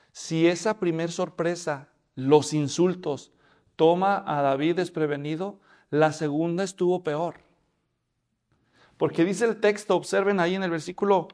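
A man's voice: fairly high pitch, a little mellow. A man preaching a sermon, telling the story and asking the congregation questions. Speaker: pastor.

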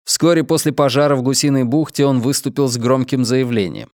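A man reading an audiobook in a measured, wry first-person storytelling manner. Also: mid-range voice, a little mellow, no room sound, clean studio sound. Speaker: narrator. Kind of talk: audiobook narration.

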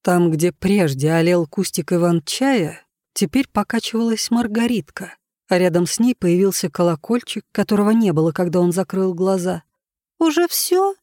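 Male audiobook narrator, steady even read, mellow tone, dry close mic. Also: high voice, normal speed, dry recording. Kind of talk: scripted narration.

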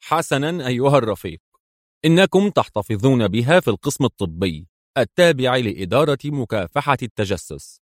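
A man voicing a calm, confident male Egyptian secret agent who speaks with cool assurance. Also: medium pitch, fairly quick, no room sound, studio quality, close to an everyday voice. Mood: calm, assured.

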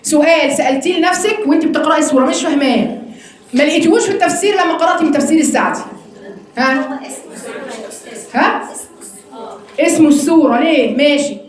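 A woman with an Egyptian accent teaching an interactive Quran study lesson, quizzing her students in a quick, teasing way. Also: sits high, heavy reverb. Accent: Egyptian Arabic.

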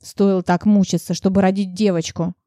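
A woman reading an audiobook, voicing a brooding aristocratic husband who speaks tersely in a lowered, muttering voice. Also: lively intonation, normal speed, warm tone, dry recording, studio quality, lightly acted. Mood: irritated.

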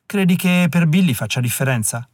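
Man playing a grieving poor mother, pleading, tearful, high-pitched, dry close sound, audiobook. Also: animated, a little fast, no room sound, natural voice. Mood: resigned. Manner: wailing, pleading.

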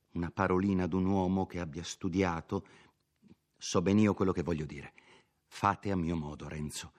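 A man's voice: deep voice, darkish tone. A man reading a novel aloud, voicing an older peasant mother who gives homely, folksy advice in a chatty manner.

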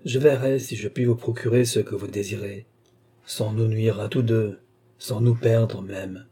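A man voicing a calm, guarded male disciple in an audiobook, measured and respectful toward his master. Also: on the low side, slight background noise, lightly acted. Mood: earnest. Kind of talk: audiobook character reading.

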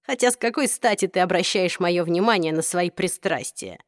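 Woman reader playing a cold young man in an audiobook, dropped low and slow, curt delivery, dry close sound. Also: no room sound, natural voice.

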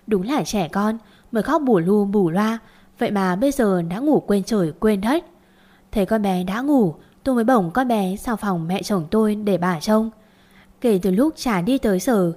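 A woman narrating a first-person audio story with gentle storytelling delivery. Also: mid-range voice.

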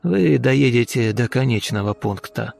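A man voicing a calm, unshakable old taxi driver who speaks slowly and evenly, gently insistent. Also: medium pitch, vocal fry, soft background music. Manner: slow, even, gently insistent.

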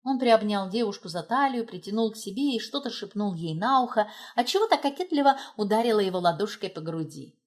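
A woman narrating a dramatic audiobook in an expressive, dramatic way. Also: mid-range voice, brisk, few pauses.

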